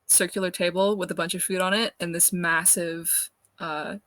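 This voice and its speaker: A woman's voice: fairly low pitch, level tone, moderate pace, fairly bright tone. A woman playing a tabletop role-playing game, talking in a wry, exasperated way. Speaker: player. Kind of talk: tabletop role-play chat.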